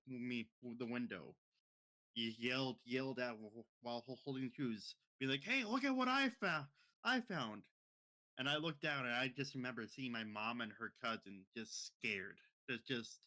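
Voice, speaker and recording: Young male podcast co-host, rambling storyteller, bright and crisp tone. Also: medium pitch. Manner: rambling, many repeated words and restarts. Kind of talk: casual storytelling.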